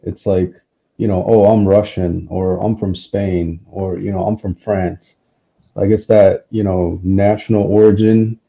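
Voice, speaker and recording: Rambling low man on dull call audio. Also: level tone, unhurried, gravelly. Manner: rambling, many fillers. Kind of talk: casual group chat.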